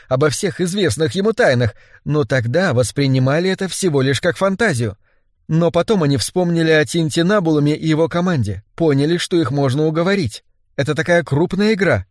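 A man voicing a cold, proud woman scholar with clipped, even speech in an audiobook. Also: on the high side, fairly quick, dry recording, studio quality, natural voice. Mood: tense.

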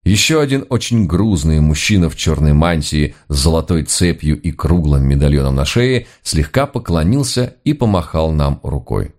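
Deep-voiced man, ironic narration. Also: animated, moderate pace, few pauses, darkish tone. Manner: dry, ironic storytelling. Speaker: audiobook narrator. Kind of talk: scripted narration of a comic novel.

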